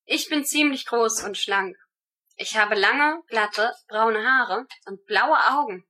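Bright-voiced woman reciting exam answers. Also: a little high, slow pace. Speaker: student answering exam questions. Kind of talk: rehearsed German speaking-exam answers.

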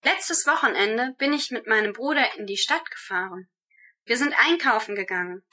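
A woman giving rehearsed answers to German speaking-exam questions in a steady, measured way. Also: fairly high pitch.

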